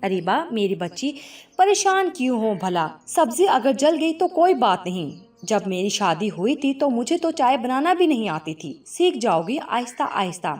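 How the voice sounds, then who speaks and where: A woman voicing a kind, motherly mother-in-law in a storybook, gentle and reassuring. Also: on the high side, big pitch swings, distant mic.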